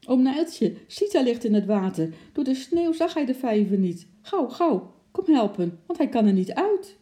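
Storybook little girl, panicky and shrill, voice jumped well up, as a woman puts her on. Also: fairly even intonation, moderate pace, mellow, lightly acted. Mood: panicked. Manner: urgent, shrill calls for help. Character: frightened young girl at a zoo.

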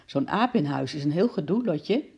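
A woman voicing a calm, serious, thoughtful father in a children's storybook, speaking in a measured and earnest way. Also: low voice, gravelly, slightly rough, muffled recording, exaggerated voice.

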